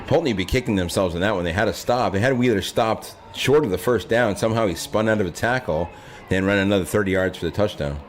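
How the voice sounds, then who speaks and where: A man giving conversational live play-by-play of a high school football game, as its announcer. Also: fast. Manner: conversational, corrects himself aloud. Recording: noisy live outdoor field broadcast.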